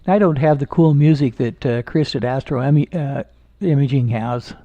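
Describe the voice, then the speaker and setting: A man with a gravelly voice chats casually with viewers on a live stream, relaxed and halting, with plenty of fillers and restarts. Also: mid-range voice, dry recording, narrow, tinny audio. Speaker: amateur astronomer streaming live. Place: indoors at home.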